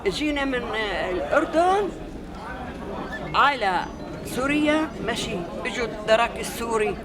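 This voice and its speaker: An older man from Palestine, telling his memories in a documentary in rapid, repetitive storytelling. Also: very high-pitched, lively intonation. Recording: film clip with crowd noise.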